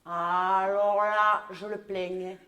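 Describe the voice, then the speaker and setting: A woman's voice: medium pitch, flat delivery, takes it slowly, pushed and bright. A woman playing a talkative middle-aged mother from the south of France with a southern French accent, rambling and indignant in a live comedy sketch. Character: chatty southern French mother, newcomer, scheming. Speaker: comic stage character. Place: large echoey hall. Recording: roomy live hall sound.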